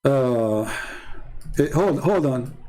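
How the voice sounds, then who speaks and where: A man's voice: medium pitch, animated, drawn-out words, dark tone. A man hosting a live-stream debate, reading viewer comments aloud and answering in combative, mocking, non-native English. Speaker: online religious debate host.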